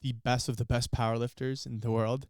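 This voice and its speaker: Earnest young man with a smooth voice. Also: mid-range voice, level tone, brisk, a little mellow, no echo, studio quality. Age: 20s. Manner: earnest, motivational. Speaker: podcast co-host. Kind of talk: casual chat.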